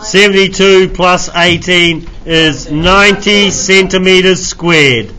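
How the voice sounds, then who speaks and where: Coughing male teacher, bright forceful voice. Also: high voice, takes it slowly, poor audio. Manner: frequent coughing fits between phrases; informal, jokey, self-deprecating. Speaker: maths teacher. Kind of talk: classroom lesson, explaining step by step. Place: classroom with students.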